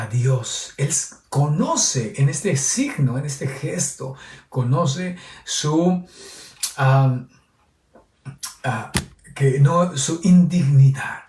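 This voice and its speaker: Heard from afar in an echoey space, a priest with a fairly high, slightly mellow voice preaches on the Gospel reading. His homily has a teacherly feel, and he keeps checking in with those listening.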